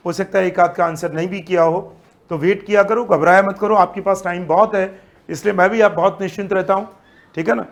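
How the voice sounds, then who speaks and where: Man, high-pitched coaching-class lecturer, mixes in English terms. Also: brisk. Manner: animated, asks and answers his own questions. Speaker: CA Foundation statistics teacher. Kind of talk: recorded online class lecture.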